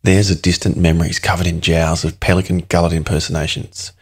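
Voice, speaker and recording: A man's voice: low-pitched, level tone, a little fast, breathy edge. A man narrating an audiobook in the first person, in a sardonic and crude manner.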